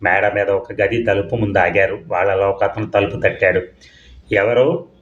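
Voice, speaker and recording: A man reading a novel aloud as an audiobook narrator, in a measured, plain storytelling manner. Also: lowish voice, level tone. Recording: dull, echoey room.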